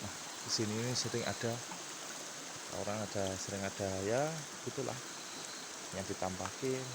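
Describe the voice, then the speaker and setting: A young man from Indonesia, talking haltingly and casually as he guides a night exploration vlog, often repeating words. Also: lowish voice. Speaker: vlogger, local guide. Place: outdoors at night beside a rural river. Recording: noisy outdoor recording with insects and stream. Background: crickets, insects, running stream.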